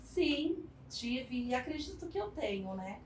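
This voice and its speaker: A woman, telling her life story in an interview with reflective pauses and small hesitations. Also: high voice, very animated. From São Paulo, Brazil. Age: 40s. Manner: reflective, warm storytelling with frequent hesitations and tag questions. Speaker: interviewee, community project worker. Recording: echoey room, distant mic, faint background noise.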